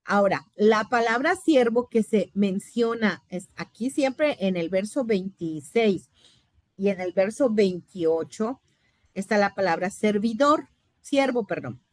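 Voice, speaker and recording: A woman's voice: mid-range voice, lively intonation, measured pace, no echo, studio quality. A middle-aged woman teaching a Bible institute class, explaining terms step by step and often checking in with her students. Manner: explanatory, asks "¿verdad?" often.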